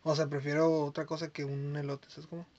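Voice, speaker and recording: Young Mexican man, high voice, casual slangy podcast co-host, muffled recording. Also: flat delivery, a little mellow. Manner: joking, quick slangy storytelling. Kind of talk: casual chat. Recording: dull lo-fi sound.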